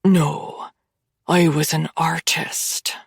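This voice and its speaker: Casting: woman reading a cruel older Irish hitman, raspy growl, very slow and low. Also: flat delivery, no echo, clean studio sound, heavily acted. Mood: menacing. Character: menacing older male Irish killer, gleeful and cruel.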